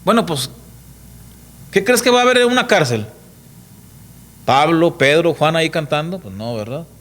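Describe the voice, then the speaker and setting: A middle-aged man preaching a sermon, emphatic and full of rhetorical questions to the congregation, telling stories with lively quoted voices. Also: on the high side, moderate pace. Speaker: pastor. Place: church.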